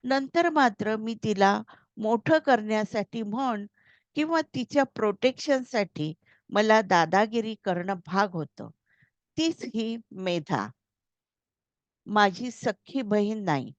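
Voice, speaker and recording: A woman narrating a story in a measured, read-aloud style. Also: mid-range voice, expressive, no room sound. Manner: slow, measured reading. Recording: slightly dull, dry recording.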